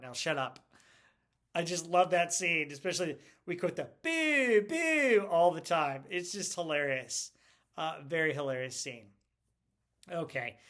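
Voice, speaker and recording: A man's voice: fairly high pitch, fairly bright tone. A middle-aged man hosting a casual pop culture video, chatty and rambling, laughing often as he talks. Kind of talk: casual movie retrospective talk.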